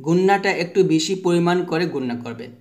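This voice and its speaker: A man teaching the rules of Quran recitation. He asks the class a question, answers it himself, and chants the letter sounds slowly for listeners to repeat. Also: sits high, animated. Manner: has listeners repeat after him. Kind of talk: tajweed lesson.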